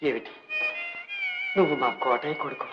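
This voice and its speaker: A man's voice: mid-range voice, huge pitch swings, normal speed. An actor playing a destitute, broken old man who was once rich, speaking in a tearful, pleading, grieving way in an old film scene. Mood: weary broken. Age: older. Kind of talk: 1950s Telugu film acting. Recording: dull old film soundtrack, faint music.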